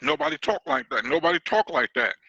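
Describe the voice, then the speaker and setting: A man recounts his past as a guest in a relaxed chat, his voice strikingly bright and forceful. The sound is dry and close, with no room around it. He rambles easily, with plenty of fillers. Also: fairly high pitch, quick pace, gravelly, slightly rough, dry recording, dull audio. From Detroit. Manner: laid-back storytelling with fillers. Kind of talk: casual conversation. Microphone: own mic on a call.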